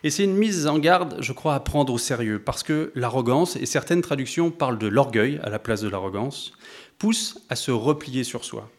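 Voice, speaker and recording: Addressing his congregation directly, a man with a mid-range voice delivers a thoughtful, conversational sermon. He frequently pauses and starts his sentences over.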